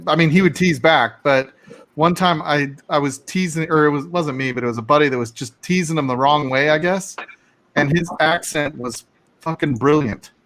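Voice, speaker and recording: Chatty male stream host, higher voice. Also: normal speed, fairly bright tone. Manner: loose, swearing storyteller. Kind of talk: casual live-stream chat.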